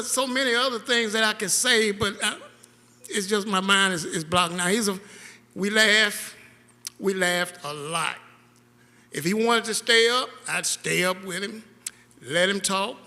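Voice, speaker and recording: A man's voice: high-pitched, sharp tone. Emotional man speaking at a memorial. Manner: emotional, halting, laughing through tears. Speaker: caregiver giving a eulogy. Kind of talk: heartfelt memorial speech. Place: church hall. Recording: long church hall reverb.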